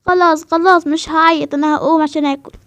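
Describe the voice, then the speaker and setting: A woman voicing an eager, touchy young salon owner in a game role-play, speaking Egyptian Arabic-accented lines in a very high, quick voice. The sound is close and dry, with no room around it. She stays chatty and earnest throughout. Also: steady tone, a bit bright, no room sound. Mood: upset. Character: girl who opens a hair salon, eager, sensitive.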